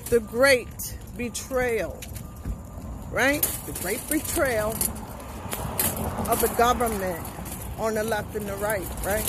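A middle-aged woman, talking emphatically into her phone while walking outdoors and asking "right?" again and again. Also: on the high side. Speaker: vlogger. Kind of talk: casual walking vlog monologue. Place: outdoors on a street. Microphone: phone held at arm's length. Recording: phone audio with street noise. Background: outdoor traffic noise.

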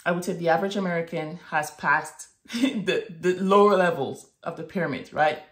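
In an echoey home office with bookshelves, a Moroccan woman in her thirties talks reflectively and casually to her camera as a vlogger, regularly checking in with "right?" and "okay?". Her voice is lowish and her pace moderate, recorded by a webcam at desk distance.

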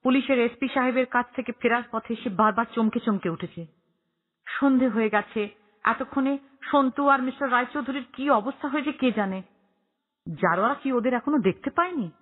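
A man narrating an audiobook in a dramatic storytelling way, voicing characters with excited rises in pitch. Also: brisk. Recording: tinny phone-like audio.

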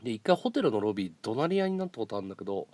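A man's voice: lowish voice, big pitch swings, rapid-fire, darkish tone, no room sound. A man streaming a casual monologue, telling stories in a blunt and outspoken way. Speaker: live streamer.

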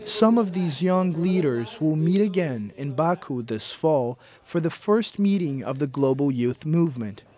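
A man giving scripted documentary narration in a measured, even delivery. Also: on the high side.

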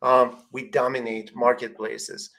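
A man's voice: medium pitch, level tone, measured pace, vocal fry, a bit bright, poor audio. A man as a guest strategy expert in a webinar, talking earnestly and often restarting phrases over a video call. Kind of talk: webinar discussion.

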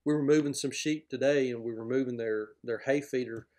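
Enthusiastic middle-aged farmer on a video call. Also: male voice, mid-range voice, steady tone, brisk, darkish tone. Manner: enthusiastic, explanatory, plain-spoken. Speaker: pig farmer guest. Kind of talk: podcast interview over video call. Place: indoor room at home. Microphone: video call, webcam framing.

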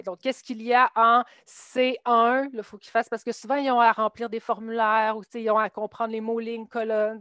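A woman's voice: a little high, clear, resonant tone, dry recording, clean studio sound. Chatty Québécois woman teacher. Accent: Québécois French. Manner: chatty, acts out what she tells her students. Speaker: literacy teacher for adult immigrants. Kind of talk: explaining her classroom method at a teachers' meeting.

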